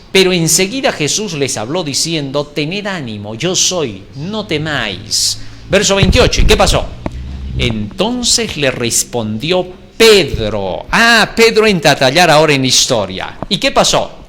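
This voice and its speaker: A man's voice: fairly high pitch, pushed and bright, slight background noise. A man preaching a sermon, reading scripture dramatically and asking rhetorical questions.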